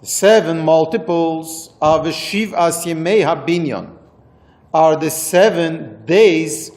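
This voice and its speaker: A man with a Moroccan accent leads a religious text lesson in a fairly high voice. He speaks slowly and haltingly, circling back to repeat key phrases as he teaches. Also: darkish tone. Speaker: religious teacher leading a class.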